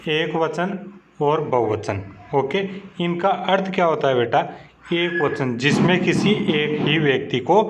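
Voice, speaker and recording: A man's voice: on the high side, a little hiss or hum. A man teaching a lesson to children, asking questions and answering them himself in a patient, repetitive way. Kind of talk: slow classroom explanation to children. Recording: dull lo-fi recording.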